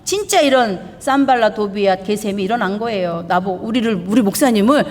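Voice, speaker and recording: A woman's voice: mid-range voice, lively intonation, a little fast, a little mellow. A woman pastor preaching an emphatic sermon, putting rhetorical questions to her congregation. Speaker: pastor and missionary. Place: church sanctuary. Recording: long reverb of a church hall.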